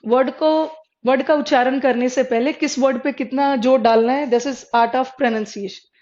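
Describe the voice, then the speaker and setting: A woman's voice: high voice, steady tone, unhurried, darkish tone. A woman teaching English vocabulary in a live online class, explaining in mixed Hindi and English, repeating words and checking with her students. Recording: dull lo-fi sound.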